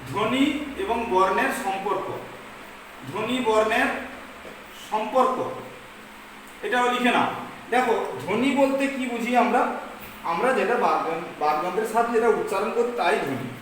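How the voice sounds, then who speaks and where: A woman teacher dictating a grammar lesson slowly, repeating each phrase so students can take notes. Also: on the high side. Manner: slow dictation, repeating phrases for note-taking. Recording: very echoey room, distant mic, faint noise.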